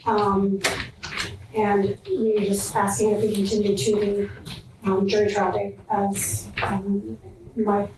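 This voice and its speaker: A woman attorney addressing the judge formally, hesitant with ums, heard on a courtroom recording. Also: medium pitch. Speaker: prosecuting attorney. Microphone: distant room mic. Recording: echoey, noisy distant courtroom recording.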